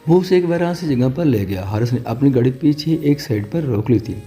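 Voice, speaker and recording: A man narrating an audio novel in a steady storytelling manner. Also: medium pitch. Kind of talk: dramatized novel reading. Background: soft music.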